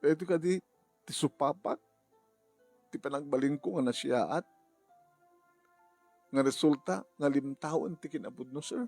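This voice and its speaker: A man voicing a humble young woman office worker in an audio drama, talking in a high, excited and breathless way. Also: fast talker, slightly rough, faint music behind. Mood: grateful. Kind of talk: Ilocano radio-style drama acting.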